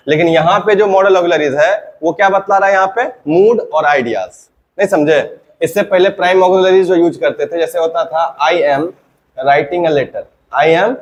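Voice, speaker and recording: A man with a fairly high voice teaches grammar to a class. He keeps asking the students questions and answering them himself. He says each example sentence slowly, more than once.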